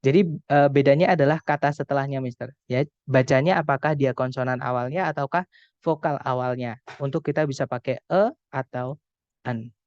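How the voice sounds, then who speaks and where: A young Indonesian man tutoring an online English grammar class, explaining slowly and patiently with many examples. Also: mid-range voice, steady tone, darkish tone, no room sound. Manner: patient, explains slowly, often addresses students as friends. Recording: dull dry call audio.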